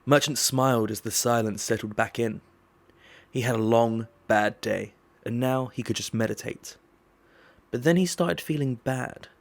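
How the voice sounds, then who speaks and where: A man narrating an audiobook drama in a measured, even storytelling manner. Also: medium pitch, vocal fry.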